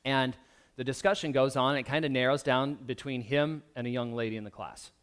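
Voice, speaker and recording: A male pastor delivers a sermon in an everyday speaking voice, at a middle pitch. He talks conversationally, with plenty of ums and restarts as he tells stories to his congregation. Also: fairly even intonation, a little fast, fairly bright tone, clear, resonant tone. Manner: conversational preaching with fillers and restarts.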